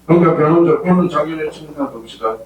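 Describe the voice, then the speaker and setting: A man's voice: fairly high pitch, fast, far from the mic. An older man with a Gyeongsang accent gives a classroom lecture to exam students, constantly quizzing them with questions. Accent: Gyeongsang Korean. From Gyeongsang region, Korea. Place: lecture hall with live students. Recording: very echoey hall, voice heard from afar, faint hum.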